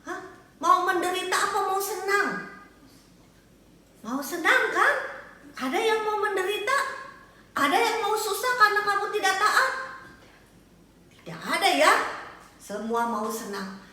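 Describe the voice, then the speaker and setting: A woman's voice: very high-pitched, lively intonation, unhurried, pauses often, bright, forceful tone. An older woman teaching Sunday school, telling a Bible story animatedly, asking the children questions and singing snippets. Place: church hall. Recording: echoey church hall, from far off.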